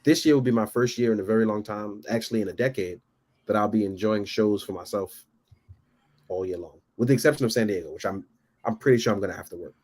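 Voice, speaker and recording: A man talking casually as a podcast guest, rambling and animated, laughing often. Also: fairly low pitch, fast. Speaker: guest toy photographer.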